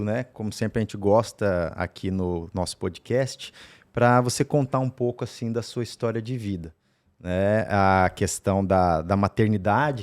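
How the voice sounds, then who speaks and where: Brief: man, podcast host, lowish voice, hesitant questions full of fillers. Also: darkish tone. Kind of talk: casual interview questions.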